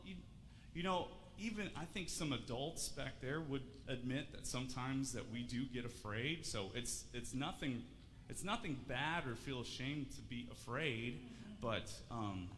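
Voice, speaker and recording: In a church sanctuary, a man in his thirties gives a children's sermon, friendly in tone, asking questions and frequently restarting his sentences. His voice is mid-range, expressive and fairly bright, at a measured pace. Church hall reverb and faint room noise fill the recording.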